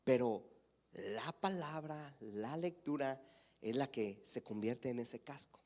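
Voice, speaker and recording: Slow and mid-range in voice, a male pastor delivers a sermon in which he asks the congregation questions. His lines swing from emphatic and loud to hushed, almost whispered.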